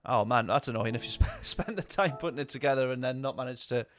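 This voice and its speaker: A man's voice: medium pitch, fast, faint music behind. Chatty man streaming a racing game. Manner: rambling, chatty, answers viewer chat. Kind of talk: casual gameplay commentary.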